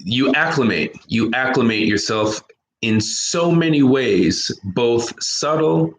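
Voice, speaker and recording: Deliberate American man in a roomy room. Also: medium pitch, lively intonation. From United States. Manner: emphatic, repeats key phrases, lists words one by one. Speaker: vlogger. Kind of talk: opinionated monologue to camera. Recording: roomy echo.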